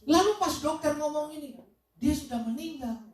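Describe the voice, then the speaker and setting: A man preaching a sermon as pastor, telling a story with lively repeated phrases and sudden loud questions. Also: very high-pitched, normal speed. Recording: echoey room, voice from a distance.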